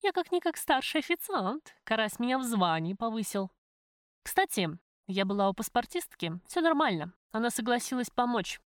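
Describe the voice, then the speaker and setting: A woman voicing a blunt, streetwise young waitress who chides her friend, in a lively, raised voice. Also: fairly high pitch, moderate pace, no echo, studio quality. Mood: brash. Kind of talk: audiobook character voice.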